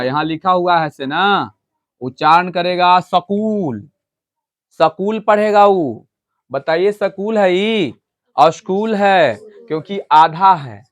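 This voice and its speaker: Male classroom teacher with a high voice, explaining rules patiently and checking in with students often. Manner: explains step by step, often asks students if they understood; switches between loud stressed points and quiet asides to the class. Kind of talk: classroom English grammar lesson.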